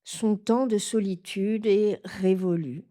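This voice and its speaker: Female pronunciation teacher, unhurried, mellow tone, enunciates each sentence twice. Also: mid-range voice, fairly even intonation. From southern France. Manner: slow, carefully articulated model sentences. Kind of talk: French pronunciation lesson.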